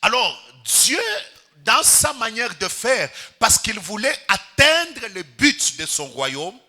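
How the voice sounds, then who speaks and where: A man's voice: sits high, big pitch swings, slow pace, bright, forceful tone. A Congolese pastor preaching a sermon in church, calling out to the congregation and stretching his key words for emphasis. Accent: Congolese French.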